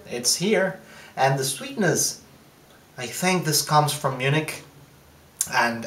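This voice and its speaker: A man giving a casual, thoughtful taste review of his own beer, pausing often with fillers and restarts. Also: mid-range voice, fairly bright tone, reverberant. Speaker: home brewer.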